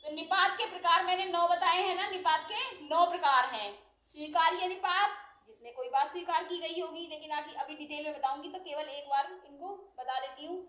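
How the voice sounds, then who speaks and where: A woman teaching Hindi grammar, explaining slowly and repeating each term with examples. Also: extremely high pitch, a bit bright, echoey room. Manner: slow, repeating terms and examples. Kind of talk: explanatory lesson.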